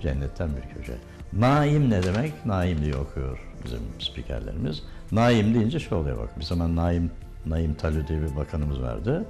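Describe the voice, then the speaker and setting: A man's voice: very deep voice, animated, moderate pace, vocal fry, dark tone, faint music behind. An older man giving a diction lesson, correcting pronunciation and stress with emphatic, instructive examples. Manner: corrective, emphatic about stress and vowel length. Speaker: diction teacher.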